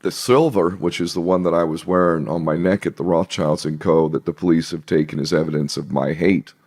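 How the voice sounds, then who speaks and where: A man's voice: low-pitched, fairly even intonation, a little fast, darkish tone. A man talking passionately as a podcast guest, emphatic and repetitive, with frequent swearing. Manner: emphatic, repeats himself, swears. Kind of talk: impassioned podcast interview talk.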